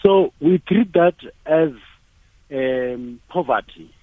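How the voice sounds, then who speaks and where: Husky, high-voiced South African man phoning in. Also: lively intonation, slow pace, no room sound. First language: Sepedi. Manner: insistent, repeats phrases for emphasis. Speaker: radio phone-in caller. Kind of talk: opinionated phone-in argument. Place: phone call to a radio show. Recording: rough, narrow phone line.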